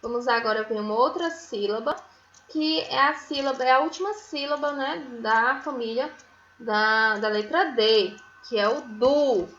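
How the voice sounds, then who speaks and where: The sound is lo-fi, but this Brazilian woman's somewhat high, slightly bright voice comes through as she gives young children a phonics lesson. She lengthens syllables and checks in often with short questions such as "né?" and "certo?".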